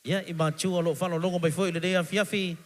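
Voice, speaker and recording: A man's voice: high voice, flat delivery, fast. A man with a Samoan accent works as a live event MC, hyping the crowd and switching between two languages as he announces. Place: live variety show stage.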